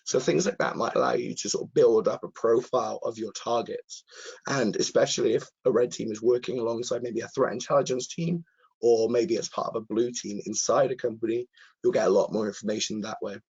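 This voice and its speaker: A man with a hoarse, croaky voice answers questions as an earnest, enthusiastic presenter in a live webinar. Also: medium pitch, brisk, darkish tone, highs cut off. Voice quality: croaky, husky. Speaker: presenter, cyber security content author.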